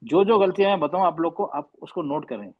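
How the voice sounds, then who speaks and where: A man's voice: fairly high pitch, expressive. Patient male recitation teacher, lo-fi. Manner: patient, slow demonstrating drills. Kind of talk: online tajweed class correction.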